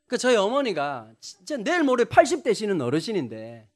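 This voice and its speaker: A male pastor preaching with humorous anecdotes and calling out to the congregation as he goes. His voice sits high and leaps about in very animated pitch. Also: brisk. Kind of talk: sermon.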